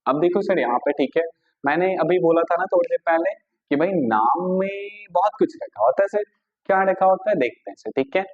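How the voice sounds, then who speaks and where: A man with an Indian accent teaching an English grammar lesson at a board, mixing Hindi and English, dictating example sentences slowly and bantering with imagined students' questions. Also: high-pitched, animated, narrow, tinny audio. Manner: mixes Hindi and English, repeats "theek hai sir", dictates sentences slowly.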